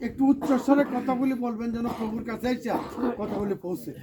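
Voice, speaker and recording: A man's voice: extremely high pitch, fast talker, noisy background. A man leading a call-and-response prayer, teaching the group and correcting their pronunciation. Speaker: prayer leader. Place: religious gathering. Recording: loud crowd of worshippers behind.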